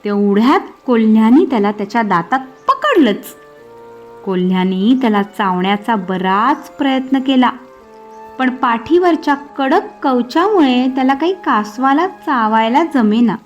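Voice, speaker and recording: A woman narrating a children's story in a lively, expressive way. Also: a little high, unhurried, dull audio. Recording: soft background music.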